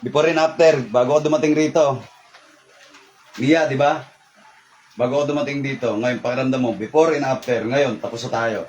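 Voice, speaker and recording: A man leading a faith healing session, reciting rapid Latin prayers and giving short, repeated commands. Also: mid-range voice, fairly even intonation, darkish tone, rough recording. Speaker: faith healer.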